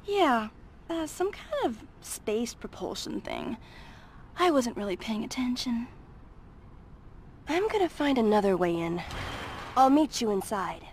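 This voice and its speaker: Flirty, lively female cat burglar. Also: on the high side, unhurried, pauses often, slight background noise. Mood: nonchalant. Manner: sultry, teasing, confident. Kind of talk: video game voice acting.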